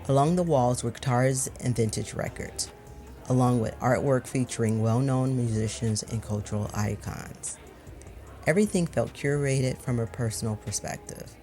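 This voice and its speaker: Calm scripted travel voiceover, mid pitch, soft music under it. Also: moderate pace. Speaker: vlog narrator. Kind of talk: scripted voice-over narration.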